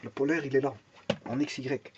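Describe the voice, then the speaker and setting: A man's voice: medium pitch, steady tone, normal speed, dull audio, noisy background. A man teaching a math and physics lesson, explaining step by step, thinking aloud, repeating words and restarting often, and asking and answering his own questions.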